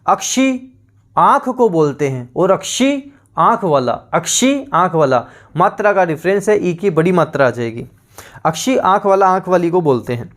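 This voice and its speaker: A man teaching an exam-prep language lesson. He repeats each word several times and asks the class questions that he answers himself. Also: sits high.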